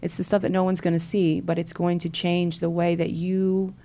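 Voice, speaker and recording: Chatting casually as a podcast interview guest, a Louisiana woman with a Southern accent talks earnestly and encouragingly, filling her speech with many fillers. She speaks at a normal pace in a low, dark voice with a level tone.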